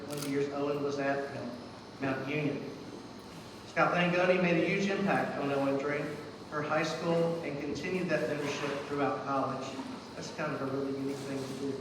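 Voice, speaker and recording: A man presenting at a ceremony, reading an induction speech in a joking way and stumbling now and then as he reads. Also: a little high. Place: event hall indoors. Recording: echoey hall from far off, noisy.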